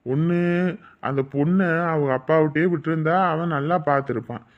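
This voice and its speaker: An actor playing an older village grandfather, speaking in a measured, grumbling way. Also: on the high side, steady tone, natural voice. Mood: complaining. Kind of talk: village family drama. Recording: slightly dull lo-fi sound.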